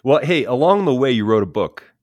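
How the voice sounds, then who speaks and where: A man's voice: mid-range voice, expressive, fairly quick, darkish tone. A man hosting an interview, easygoing, prompting the guest with "you know" and short agreements. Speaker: interview host. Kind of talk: casual interview chat.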